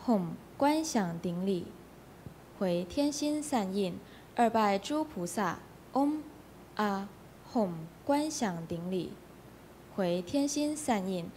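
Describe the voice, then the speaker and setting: A woman acting as ceremony emcee in a temple hall, calling out the steps of a ritual in a measured, liturgical way. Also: medium pitch, darkish tone, a little hiss or hum. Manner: slow, measured liturgical announcing. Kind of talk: ritual chant leading.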